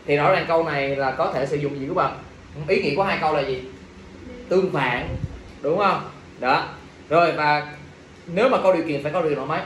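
A man leads an exam review lesson, bright and high in pitch. He jokes with the students and keeps asking them questions. The classroom sounds echoey, with faint background noise. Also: fast, pauses often. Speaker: English teacher.

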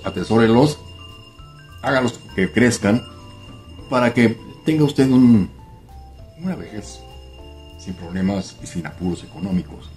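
A man's voice: lowish voice, a little mellow. Older man giving formal advice to camera. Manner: formal, emphatic, addresses viewer as usted, repeats for emphasis. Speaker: style channel host. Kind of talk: talking to camera, advice monologue. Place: home room by a window.

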